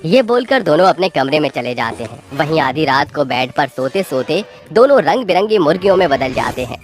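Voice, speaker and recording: Low-voiced woman narrating a cartoon story. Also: sing-song, a little fast, soft background music.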